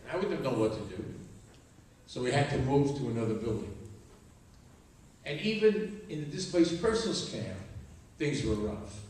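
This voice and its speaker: An older man, a Holocaust survivor, telling his family's story to students at a school with slow, deliberate pacing and acted-out dialogue. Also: medium pitch, expressive, a little mellow. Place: school auditorium. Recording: very echoey hall, from far off, faint ambience.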